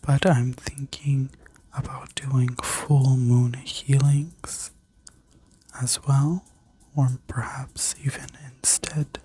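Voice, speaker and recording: Casting: woman for whispered ASMR sleep-story narration and guided healing meditation; breathy, soft and dark in tone, even and soothing. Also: rumbling low, no echo. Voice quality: breathy, mostly unvoiced whisper. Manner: soothing, slow, gently instructing. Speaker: ASMR reiki healer and video host.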